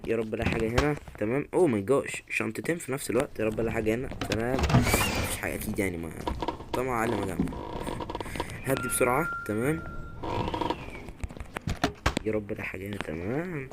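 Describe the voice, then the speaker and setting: A man's voice: fairly low pitch, lively intonation, quick pace, long pauses, heavy background noise. A man with an Egyptian Arabic accent giving jittery horror game commentary, muttering prayers and letting out sudden scared yelps. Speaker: gaming YouTuber.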